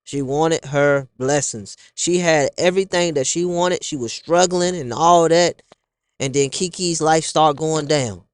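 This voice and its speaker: A man's voice: fairly high pitch, a little slow, clean tone, no room sound, studio quality. A man hosting a reaction video, giving casual, preachy commentary and often saying "man". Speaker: reaction channel host.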